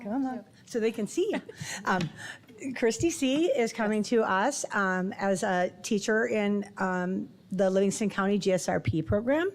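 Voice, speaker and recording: A woman's voice: mid-range voice, normal speed. A woman principal introducing new teachers at a school board meeting, upbeat, with many fillers and small laughs.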